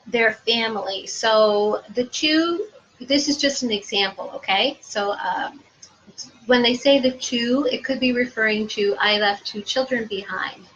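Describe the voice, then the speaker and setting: Soft-spoken woman medium, lo-fi stream. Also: a little high, slight background noise. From Prince Edward Island, Canada. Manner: soft, unhurried, many filler ums. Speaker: psychic medium. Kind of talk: live-stream spirit readings.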